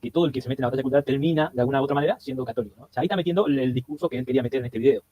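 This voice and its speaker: A man's voice: medium pitch, dark tone, dry recording, lo-fi sound. A man from Argentina with an Argentine accent, commenting on video clips in a casual, chatty way. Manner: quick, chatty, with chuckles and restarts.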